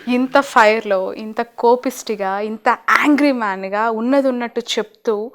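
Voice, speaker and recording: A woman interviewing a guest, prompting him gently and acknowledging him with short murmurs. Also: on the high side, normal speed. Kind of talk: interview talk.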